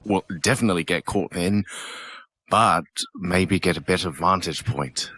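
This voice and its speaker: Man, very low pitch, crisp bright tone, dry close sound, halting, tabletop player. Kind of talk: in-character casual game talk.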